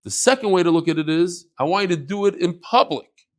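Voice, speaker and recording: A man teaching a Talmud class with a lively, swooping voice that sits a little high for a man. He slips Aramaic and Hebrew terms into his English and asks questions, then answers them himself. He acts out the speakers in the text with plenty of animation. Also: brisk.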